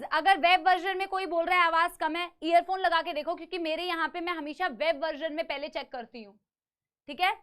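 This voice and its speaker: A woman's voice: very high voice, fairly bright tone. A young woman teaching a live online biology class with a sore throat, mixing English terms into Hindi, often checking with "theek hai?" and calling students "beta".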